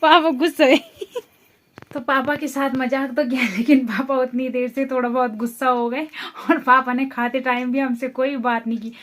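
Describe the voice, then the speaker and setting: A young woman casually narrating her own vlog, calling out loudly to animals outdoors and going hushed while sneaking up. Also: high-pitched, little pitch movement, normal speed, hardly any pauses. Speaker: vlogger.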